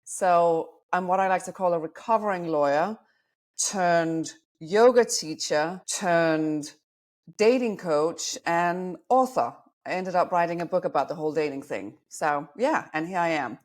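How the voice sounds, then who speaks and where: On a podcast, a Danish woman in her forties talks about her life as a dating coach. Her voice is on the low side and unhurried, and she comes across reflective and self-deprecating.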